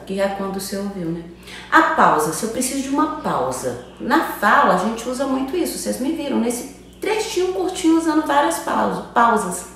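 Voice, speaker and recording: A woman's voice: high-pitched, far from the mic. A woman teaching an online grammar lesson in a chatty way, checking in with "tá?" after almost every phrase. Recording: echoey room, voice a bit off-mic.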